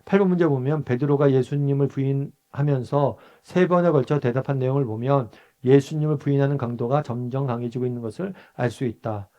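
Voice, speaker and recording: A man's voice: medium pitch, fairly quick, hardly any pauses, warm tone, dull audio. A male pastor from Busan teaches a Bible study in a conversational way. He asks the group questions, answers them himself, and acts out short quoted lines in a raised voice. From Busan, South Korea.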